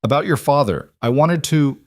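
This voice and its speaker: A man voicing an earnest young cowboy who speaks quietly and haltingly. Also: a little high, lively intonation, dry recording, studio quality, voice pushed up, close to an everyday voice.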